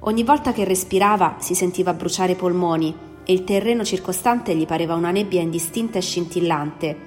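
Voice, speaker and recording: A woman's voice: fairly low pitch, a little fast, darkish tone. Woman reading a story aloud. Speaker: story reader. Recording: long reverb, faint music behind.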